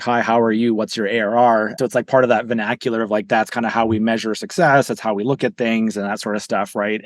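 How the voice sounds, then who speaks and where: A man, a startup CEO, talking casually as a podcast guest, loose and quick with many restarts and "you know" fillers. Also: lowish voice, no room sound, clean studio sound.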